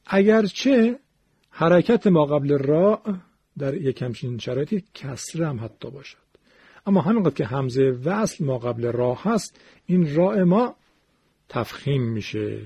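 A man teaches recitation rules patiently, stretching out each example word as he chants it. His voice is husky and mellow, with a lively, wide-ranging pitch. The recording is dry and close. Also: no room sound, muffled recording. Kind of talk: step-by-step explanatory lesson.

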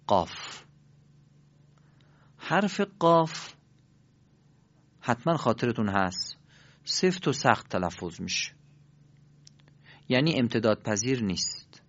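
A man teaching Quran recitation in a recorded lesson, demonstrating sounds slowly and asking learners to repeat after him. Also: on the low side, fairly bright tone. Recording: dull lo-fi recording.

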